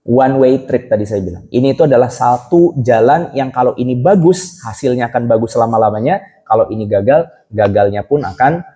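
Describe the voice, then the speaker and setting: An Islamic preacher with a mellow, relaxed, medium-pitched voice gives a casual lesson to young people at a fairly quick pace, captured in a rough recording. He chats colloquially, mixes in English phrases, and keeps asking rhetorical questions to check that listeners follow.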